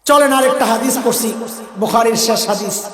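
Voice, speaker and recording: High-voiced man preaching to a crowd. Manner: animated, calls questions out to the crowd; chants Arabic verses slowly. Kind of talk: sermon. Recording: echoey sermon recording with crowd.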